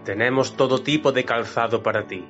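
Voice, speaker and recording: Man doing a slow solemn ad guy, music behind, lo-fi sound. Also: medium pitch, fairly bright tone, close to an everyday voice. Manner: slow, grave, dramatic pauses. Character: slow solemn male announcer in a parody shoe-shop ad.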